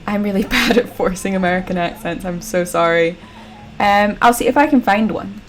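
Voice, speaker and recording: Playing a video game for her channel, a British woman from the United Kingdom chats and jokes in a medium-pitched voice at normal speed, swearing casually throughout this let's-play. A little hiss or hum sits under the recording.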